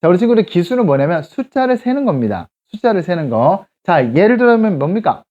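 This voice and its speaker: Brief: patient man teaching children, animated pitch, muffled lo-fi sound. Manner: patient, explains slowly, checks in often with the kids. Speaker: children's church English teacher. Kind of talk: explaining Bible verses to children.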